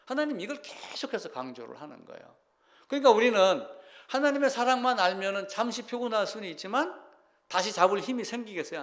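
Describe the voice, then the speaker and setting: Animated Korean-speaking male pastor preaching. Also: on the high side, creaky. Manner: animated preaching, reads scripture aloud, asks the congregation questions. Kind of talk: sermon.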